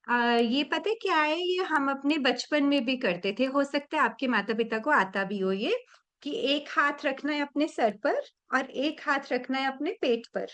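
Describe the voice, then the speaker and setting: A woman's voice: sits high, normal speed, a bit bright. A woman teaching an online children's class over a video call, counting aloud and encouraging the kids, mixing in English words. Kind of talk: online kids' activity class.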